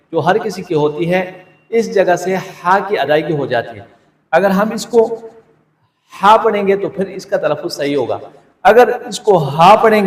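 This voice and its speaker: A man teaching Quran recitation, patiently explaining how to pronounce letters and repeating each sound aloud. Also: sits high. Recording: echoey room with long reverb.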